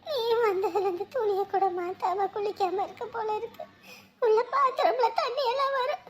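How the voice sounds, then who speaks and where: A woman's voice: very high-pitched, normal speed, slight background noise. An actress playing a grieving widow who sobs and wails through her speech. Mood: wailing grief. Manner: sobbing, wailing speech. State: crying. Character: grieving widow, wailing and bitter. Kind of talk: family drama acting.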